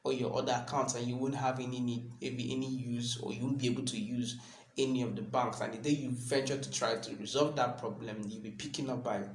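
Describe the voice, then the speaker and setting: Nigerian man, real estate adviser, earnest explainer, repeats himself, mid pitch, echoey room. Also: steady tone, a little fast, slight background noise. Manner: earnest, repeats words, tags sentences with "right?". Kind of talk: explanatory video talk.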